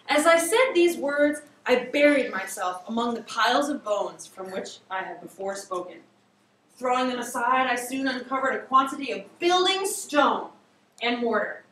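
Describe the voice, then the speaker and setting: Recorded from across an indoor classroom by a far camera, a woman in her thirties reads a story dramatically, drawing out words like a teacher before her class. Her fairly high, fairly bright voice has lively intonation at a moderate pace, and the distant audio is echoey and noisy.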